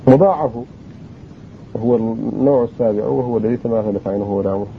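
A man teaching a classical Arabic grammar lesson in a measured, explanatory way, slowing down to spell out example words. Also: creaky. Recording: tinny phone-like audio with faint vehicle rumble.

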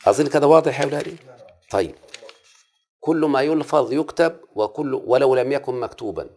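A man's voice: medium pitch, fairly quick, warm tone. A man with an Egyptian accent teaching a classroom lesson on Arabic prosody, repeating the rules and checking that his students follow. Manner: repeats rules and checks understanding with frequent questions.

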